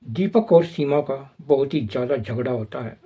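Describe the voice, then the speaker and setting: A man narrating the plot of an old film in plain, steady storytelling. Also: medium pitch, moderate pace, breathy edge.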